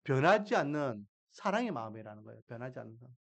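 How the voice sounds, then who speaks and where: 남자 목사가 교인들에게 질문을 던지며 생동감 있게 이야기를 풀어가는 설교를 한다. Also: male voice, mid-range voice, fast, vocal fry. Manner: animated storytelling, acts out characters, asks the congregation questions. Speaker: pastor. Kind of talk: sermon.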